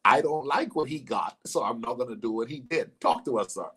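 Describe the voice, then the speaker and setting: A man's voice: medium pitch, a little fast, breathy edge. A man from the Bahamas hosting a livestream interview, telling stories with energy and speaking straight to his viewers. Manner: animated storyteller, talks to viewers. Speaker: host.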